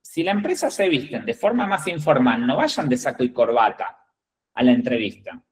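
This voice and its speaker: This animated Argentine man, an executive recruiter, addresses candidates in an instructive talk at a moderate pace. He is direct and emphatic, regularly checking in with "¿bien?" and "¿ok?". His voice is medium-pitched and male, and the recording sounds rough.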